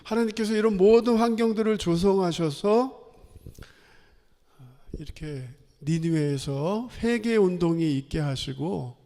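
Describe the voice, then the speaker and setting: Animated Korean pastor preaching in a hall. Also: male voice, high voice, a little slow. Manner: animated, acts out quoted voices, laughs often. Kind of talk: sermon. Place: church sanctuary. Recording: long hall reverb.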